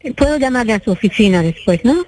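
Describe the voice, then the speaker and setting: A woman's voice: on the high side, expressive, quick pace, a little mellow, slight background noise, low-quality recording. A woman calling in to a radio show to ask a question, speaking hesitantly with frequent fillers. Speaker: caller. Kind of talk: phoning in a question.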